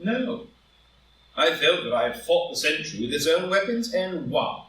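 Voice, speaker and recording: Defending his guilty secret, the proud and ambitious rich gentleman is voiced by a man whose fairly high voice is very animated, impassioned, grandiloquent and emphatic, at a moderate pace. This is a live stage drama reading with a group in an indoor room. The distant mic captures a roomy sound with a little hiss or hum.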